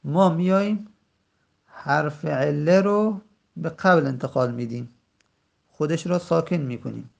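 A man teaching a grammar lesson. He says the example words slowly and drawn out, then explains quickly. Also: a little high, gravelly, muffled recording.

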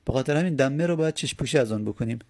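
A man's voice: medium pitch, gravelly, darkish tone. A man teaching a grammar lesson, patiently explaining step by step and answering his own questions.

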